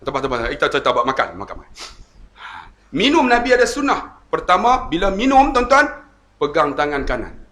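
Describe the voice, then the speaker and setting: Animated high-voiced Malaysian preacher in an echoey hall. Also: male voice, fairly quick. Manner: animated, addresses the audience as tuan-tuan, acts out voices. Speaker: Islamic preacher. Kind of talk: humorous sermon.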